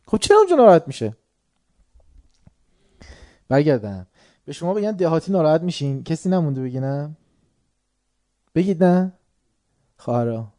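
A middle-aged man from Tehran giving a sermon to a live audience. He keeps asking the audience questions and moves between quiet musing and sudden loud bursts. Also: on the high side, very animated, long pauses. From Tehran, Iran. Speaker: religious lecturer.

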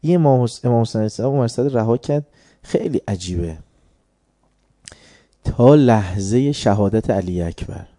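A man with a Tehran accent preaching a sermon, moving from hushed storytelling to loud, emphatic points. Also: mid-range voice, lively intonation, pauses often, dry recording, studio quality. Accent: Tehran Persian.

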